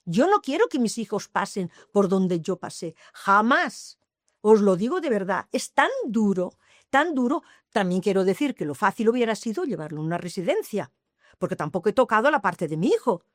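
A woman's voice: mid-range voice, big pitch swings, moderate pace, no room sound, clean studio sound. A woman, telling her life story in an interview with emphatic repetitions. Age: 80s. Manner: emphatic, repeats phrases, swears to the listeners. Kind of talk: emotional personal storytelling.

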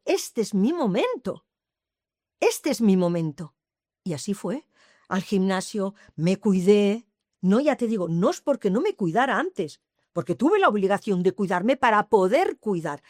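A woman's voice: mid-range voice, darkish tone, no echo, studio quality. A woman, telling her life story in an interview with emphatic repetitions. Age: 80s. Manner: emphatic, repeats phrases, swears to the listeners. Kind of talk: emotional personal storytelling.

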